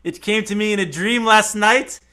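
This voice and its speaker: A man hosting an improv comedy show, explaining the next game in a jokey, animated way. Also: sits high, moderate pace, smooth.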